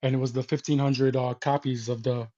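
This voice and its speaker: Man, co-host, rambling storyteller, halting, muffled lo-fi audio. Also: mid-range voice, level tone, mellow. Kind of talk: casual storytelling.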